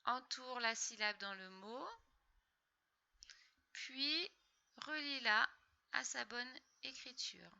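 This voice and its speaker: Woman, teacher, very bright tone, slow, patient step-by-step instructions. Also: a little high, gravelly. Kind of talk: reading lesson for young children.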